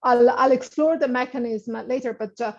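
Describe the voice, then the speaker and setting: A woman's voice: high-pitched, normal speed, a little mellow. A woman giving an academic research presentation in a webinar, talking with many fillers and restarts. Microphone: video call. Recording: muffled lo-fi webinar audio.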